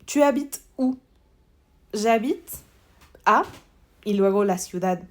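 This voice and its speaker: In her French exam-prep class, the teacher goes over model answers again and again for students. Her pitch is medium, and her delivery slow and deliberate.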